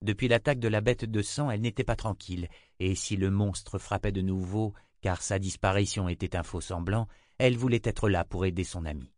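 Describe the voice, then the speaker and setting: A man reading fantasy fiction aloud in an even, measured narration. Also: lowish voice, no room sound, studio quality. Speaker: audiobook reader.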